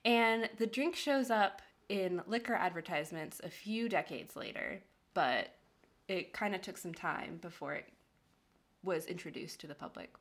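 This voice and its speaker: A woman's voice: fairly low pitch, animated, normal speed. A woman co-hosting a casual podcast, reading out history notes in a chatty way and laughing often. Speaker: podcast co-host.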